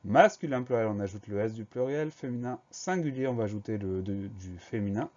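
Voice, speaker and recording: A man's voice: on the low side, animated, a little fast, darkish tone, lo-fi sound. A man teaching a spelling lesson, carefully spelling out words letter by letter.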